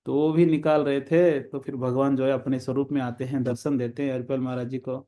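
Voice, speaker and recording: A man's voice: medium pitch, little pitch movement, brisk, warm tone. Hindi-speaking man telling a devotional story. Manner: acts out the characters' lines in shifting voices. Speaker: preacher.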